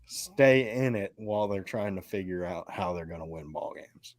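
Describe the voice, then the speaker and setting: A man hosting a casual talk show, teasing and animated in his delivery. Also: low-pitched, normal speed, dry recording. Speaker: host. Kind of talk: casual chat.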